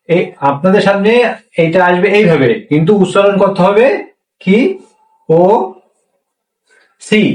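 A man with a Bangladeshi Bengali accent and a rather high voice leads a classroom-style language lesson. He explains patiently, step by step, and keeps asking his listeners questions. He sounds a little far from the mic in a roomy, echoing space. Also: a little mellow. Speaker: language teacher.

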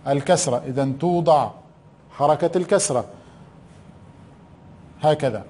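A male teacher giving a recorded grammar lesson. He asks questions, answers them himself, and stretches out key words slowly. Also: a little high, mellow. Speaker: primary school Arabic teacher.

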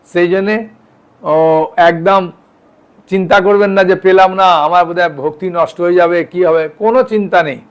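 A man giving an informal devotional lecture, talking plainly and often checking in with his listeners. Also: high voice. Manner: conversational, frequent "yes?" and "all right?" checks with listeners. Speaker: devotional teacher.

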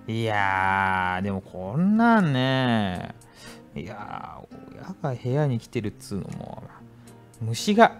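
Young male streamer, lively swooping voice, panicky horror-game play-by-play, faint music behind. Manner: reads game text aloud with reactions, repeats "はいはいはい"; bursts into high, loud panicked yelps. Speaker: virtual YouTuber streamer. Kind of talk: game let's play commentary.

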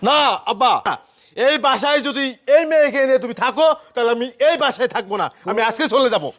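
A man's voice: very high-pitched, fast, fairly bright tone. A man playing an indignant jilted young son who wails, accuses and pleads in colloquial Bangladeshi Bengali.

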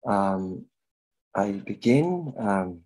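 A middle-aged man from Malaysia giving a halting personal testimony over a video call, with many fillers and pauses. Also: fairly low pitch, lively intonation, a little mellow, rough recording. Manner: slow and hesitant, many fillers. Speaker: guest speaker giving a testimony. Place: indoor room at home. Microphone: video call webcam with earphones.

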